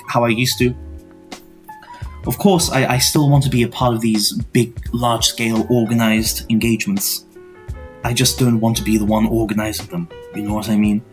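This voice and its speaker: A young adult podcast host, just out of bed, rambles through a casual monologue from his dorm room. His voice is quiet and fairly low, with many stuttered restarts and casual swearing.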